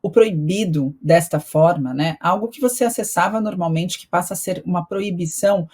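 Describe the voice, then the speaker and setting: A woman's voice: lowish voice, normal speed, a little mellow, slightly rough. A woman who teaches eating behavior, talking in a teacherly way and guiding listeners through a reflection exercise on a podcast. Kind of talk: casual podcast conversation.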